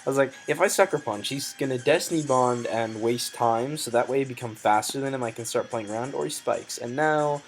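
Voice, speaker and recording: Dude narrating his game turn by turn, mumbly, lots of ums, voice cracks sometimes, mid pitch, soft music in the back. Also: fairly quick, hardly any pauses, low-quality recording. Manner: mumbled, hesitant, lots of ums and self-corrections. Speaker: competitive game player. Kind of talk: thinking-aloud gameplay commentary.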